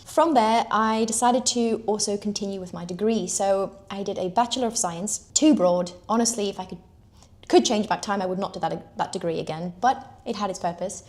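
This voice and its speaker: A woman's voice: mid-range voice, moderate pace. Young woman from the uk chatting through her story, lots of "like", mid voice. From United Kingdom. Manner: chatty, lots of "like", animated retelling. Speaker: equestrian telling her story. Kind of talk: personal storytelling.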